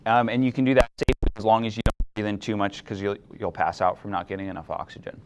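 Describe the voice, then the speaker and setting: A young man teaching a chemistry class, explaining things in a relaxed way and asking students questions. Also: on the low side, fast talker, noisy background. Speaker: chemistry instructor. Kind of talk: classroom lecture.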